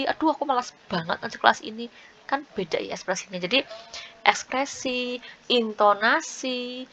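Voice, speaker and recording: A woman's voice: fairly high pitch, fairly bright tone, slight background noise. Chatty woman tutor, lo-fi call audio. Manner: chatty, repeats words, acts out teacher and student lines. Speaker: university tutor. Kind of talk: online tutorial lecture. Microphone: video call.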